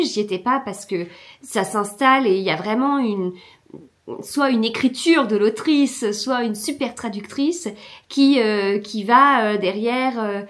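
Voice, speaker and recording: A woman chatting casually in a reading vlog, hesitant, with many fillers and restarts, sometimes trailing off into soft muttering. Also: fairly high pitch. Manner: mutters softly while searching her book. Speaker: book vlogger. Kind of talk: casual chat.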